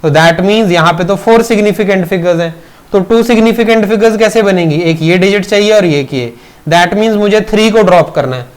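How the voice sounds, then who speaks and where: A man's voice: sits high, moderate pace. A man teaching a physics class, explaining step by step and checking understanding with questions, mixing in English terms. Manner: mixes Hindi with English terms, addresses students as beta. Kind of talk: classroom lecture. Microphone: teaching video recording.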